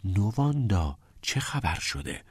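A man voicing a calm, patient teenage schoolboy who speaks softly. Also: medium pitch, dry recording. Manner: patient and soft-spoken.

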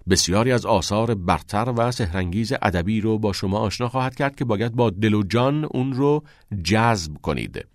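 A man's voice: lowish voice, no room sound, studio quality, close to an everyday voice. A man voicing a passionate, unconventional male teacher who talks expressively and teases his students. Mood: earnest. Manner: expressive, teasing.

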